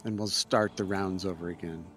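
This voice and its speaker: A man's voice: low-pitched, fairly even intonation, moderate pace, a bit bright. Male game master narrating over music.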